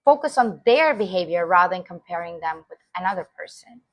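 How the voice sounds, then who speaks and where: A woman's voice: fairly low pitch, lively intonation, fairly quick, no echo. A woman who works with preschool teachers gives an informal talk on parenting, speaking earnestly with emphasis and acting out the phrases parents say. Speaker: early childhood educator.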